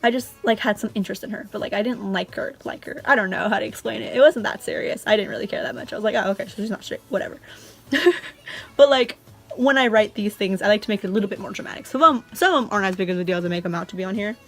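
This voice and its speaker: A woman's voice: medium pitch, rapid-fire, fairly bright tone. A young adult woman vlogger in a casual, confessional chat, talking informally and rambling as she goes.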